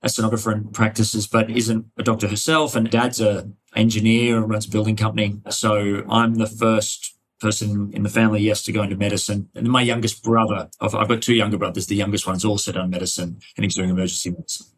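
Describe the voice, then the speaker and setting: This cardiologist, an interview guest from New South Wales' Hunter Valley in Australia, responds conversationally and reflectively, drifting through his thoughts. He speaks fast in a level, fairly low voice, barely pausing, and the recording is rough.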